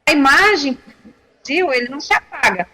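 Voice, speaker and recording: Woman, missionary, high voice, animated storyteller, TV studio talk. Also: moderate pace. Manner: animated storytelling, acting out quotes, laughing. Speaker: missionary giving family advice on TV.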